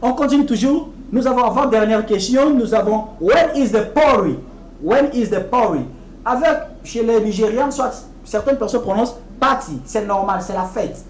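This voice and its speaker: A woman giving a televised English lesson, explaining patiently and repeating each English phrase slowly and deliberately. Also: a little high, darkish tone, reverberant, slight background noise, rough recording. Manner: explains patiently, often checking with "ok?". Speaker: English teacher.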